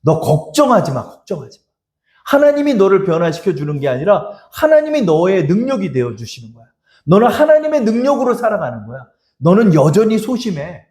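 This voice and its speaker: A man's voice: high voice, very animated, a little fast, a little mellow. Exhorting male pastor in an echoey church. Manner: exhorting, speaks directly to listeners as God. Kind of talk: sermon. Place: church sanctuary.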